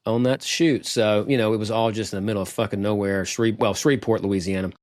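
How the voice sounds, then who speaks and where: Man, podcast host, low voice, dry close sound, rambling casual talk. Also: fairly even intonation, quick pace, a little mellow, no echo. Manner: loose, rambling, restarts often. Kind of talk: casual interview chat.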